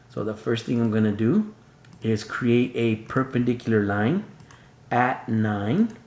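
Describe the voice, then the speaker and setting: A man's voice: medium pitch, darkish tone, reverberant. A man teaching a screen-recorded math tutorial, thinking aloud step by step and correcting himself as he goes.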